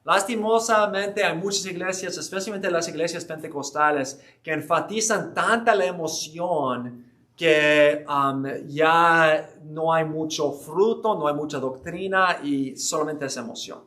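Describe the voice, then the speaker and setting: A man's voice: fairly high pitch, measured pace, sharp tone. A man giving an earnest church history lecture, explaining with frequent restarts and hesitations.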